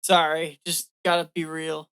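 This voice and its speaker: A woman appearing as a guest on a casual podcast chat. She jokes in a dry, deadpan way and pushes back bluntly in the banter. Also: deep voice, unhurried, smooth. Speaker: guest, artist.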